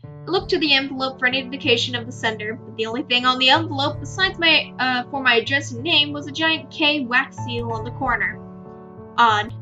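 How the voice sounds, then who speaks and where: A woman reading a visual novel aloud with expressive asides, laughing easily and tripping over words. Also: high voice, fast, dull audio, over music. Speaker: gamer narrating a visual novel.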